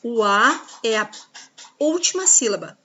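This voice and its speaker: A woman teaching a grammar lesson, patiently explaining rules and spelling out examples slowly. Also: a little high, lively intonation, sharp tone, breathy edge. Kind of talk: grammar lesson over slides.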